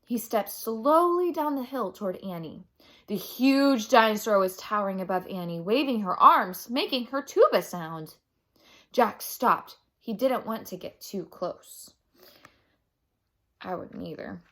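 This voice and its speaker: A woman reads a children's chapter book aloud in a medium-pitched voice, telling the story dramatically and with lots of animation and deliberate emphasis.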